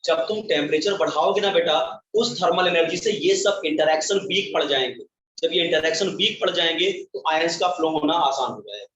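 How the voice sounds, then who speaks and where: A man's voice: fairly high pitch, a little fast, a bit bright, a little hiss or hum. A male chemistry teacher giving a classroom lecture, asking questions and answering them himself, and calling his students beta and bhai. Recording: echoey, distant, dull classroom sound.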